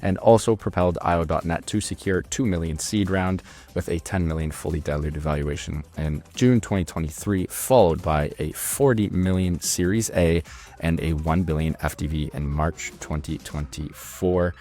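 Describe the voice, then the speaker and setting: A man hosting a podcast interview from Canada, talking in a hyped, slangy, energetic way. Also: low-pitched, normal speed. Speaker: podcast host.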